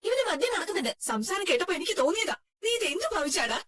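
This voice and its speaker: A woman plays an angry young sister in a fan-dubbed serial who scolds in rapid bursts. Her voice is high and quick, and she keeps pressing with question after question. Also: big pitch swings, a bit bright, heavily acted. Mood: scolding. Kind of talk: fan dub of a TV serial scene.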